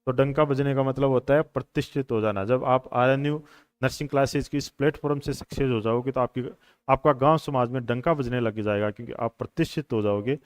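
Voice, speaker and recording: A man's voice: medium pitch, steady tone, brisk, smooth, no echo, studio quality. A man teaching a coaching class on questions. He explains each answer patiently, repeats the answers and calls his students brothers and friends. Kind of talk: classroom lecture on Hindi exam questions.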